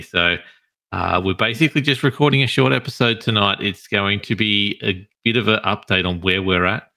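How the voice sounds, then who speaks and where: A man's voice: sits low, creaky, bright, forceful tone. A tired man hosting a casual podcast and stumbling over his words. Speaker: podcast host.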